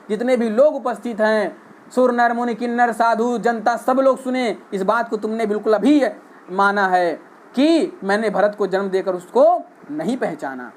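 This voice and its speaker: A man's voice: high-pitched, normal speed. A man teaching a Hindi poetry lesson, reciting each verse and then explaining it line by line in plain speech.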